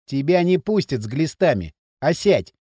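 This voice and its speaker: A sulky, sarcastic teenage boy, as an audiobook reader plays him, with a lively, up-and-down delivery. He talks bluntly and scoffs easily, recorded close and dry. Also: fairly high pitch, moderate pace, breathy edge, dry recording. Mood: scoffing. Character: grumpy restless teenage boy Kirill. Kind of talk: audiobook character reading.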